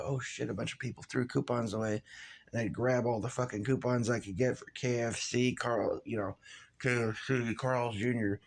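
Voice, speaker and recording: A man's voice: mid-range voice, creaky. Rambling, foul-mouthed guy venting into his camera in an everyday mid-range voice. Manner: profane, rambling, loose and frustrated. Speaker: vlogger. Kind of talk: casual rant to camera.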